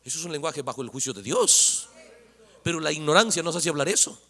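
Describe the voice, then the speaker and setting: An emphatic male preacher delivers a sermon, often stopping to ask whether his listeners understand and rising to shouts on key points. His voice is high and sharply bright. It rings through a church with a long reverb. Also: expressive, brisk. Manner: emphatic, keeps asking "understand?". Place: church sanctuary.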